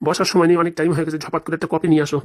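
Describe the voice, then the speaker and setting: Woman doing a deep, gruff cartoon husband. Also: flat delivery, rapid-fire, darkish tone. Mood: hurried. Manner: brusque, bossy. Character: deep-voiced gruff husband, middle-aged man, hurried. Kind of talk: cartoon voice acting.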